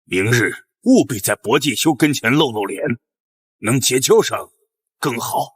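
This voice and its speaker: An older man playing the commanding grandfather of a wealthy family, giving measured orders. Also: medium pitch, lively intonation, a bit bright, breathy edge. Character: stern elderly patriarch of a rich family. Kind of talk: TV drama acting.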